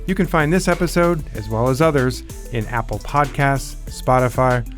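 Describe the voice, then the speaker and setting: A man hosting a podcast interview in the smooth, friendly manner of a moderator. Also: mid-range voice, lively intonation, moderate pace, soft background music. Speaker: podcast host.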